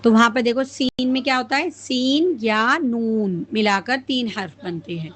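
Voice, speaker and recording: A woman's voice: fairly high pitch, a bit bright. Patient woman teaching Quran pronunciation. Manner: patient, demonstrates letter sounds slowly and repeatedly. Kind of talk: casual spoken lesson with slow drawn-out recitation.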